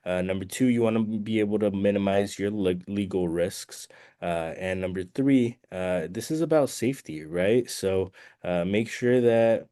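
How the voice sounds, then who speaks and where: A man's voice: lowish voice, warm tone, no echo, studio quality. A man presenting a webinar with a slightly muffled voice, sounding under the weather. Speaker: guest presenter, balcony inspection company representative.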